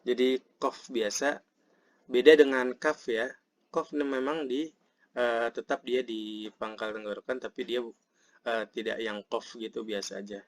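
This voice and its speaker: A man with an Indonesian accent teaching a Quran recitation lesson, explaining each verse patiently and reciting it slowly. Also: medium pitch, fairly even intonation, dry recording.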